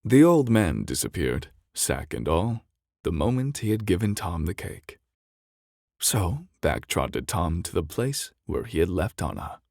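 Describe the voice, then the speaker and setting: Deep gravelly guy doing soft asmr bedtime story narration, soothing and unhurried in manner. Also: very animated, no echo, studio quality.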